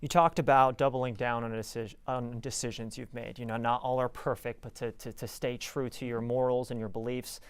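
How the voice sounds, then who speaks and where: A man's voice: mid-range voice, little pitch movement, brisk, hardly any pauses, clean tone, dry recording. A man conducting a news interview, asking long, informal, roundabout questions in a conversational way. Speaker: interviewer, reporter.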